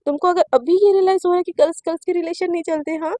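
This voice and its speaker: A worried, protective mother who stammers in her anxiety and scolds sharply, as a woman storyteller puts her on. The voice is high and recorded close and dry. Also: steady tone, fairly quick, darkish tone, no echo. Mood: scolding.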